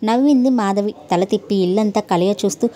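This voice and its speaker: A woman reads a family story aloud in a steady, unhurried storytelling voice. Her tone is mellow and warm, sitting at an ordinary middle pitch. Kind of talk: narrating a Telugu story, voicing every character.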